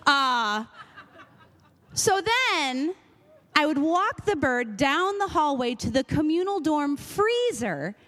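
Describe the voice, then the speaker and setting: Lively high-voiced gal doing self-mocking stage storytelling, all over the place pitch-wise. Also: female voice, slow. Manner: comic, self-mocking, animated delivery. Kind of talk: live personal storytelling.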